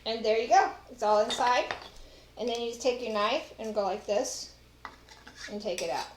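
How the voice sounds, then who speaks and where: A middle-aged Texan woman hosts a casual cooking show, chatting to viewers as she demonstrates a recipe in her home kitchen. Her pitch is fairly high and her speed normal. A far camera picks her up in the echoey room, with clattering dishes and a little hiss or hum.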